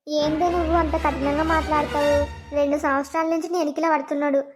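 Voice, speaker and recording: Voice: high voice, level tone, fast, over music, close to an everyday voice. A voice actor playing a sympathetic young woman friend in a cartoon, coaxing with a Telangana accent. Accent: Telangana Telugu.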